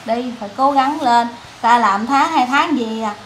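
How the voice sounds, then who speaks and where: A woman, the boy's mother, urging him emotionally to go work, gently scolding him not to cry. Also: fairly high pitch, a little slow, over a noisy crowd. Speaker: mother of the boy. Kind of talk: casual chat.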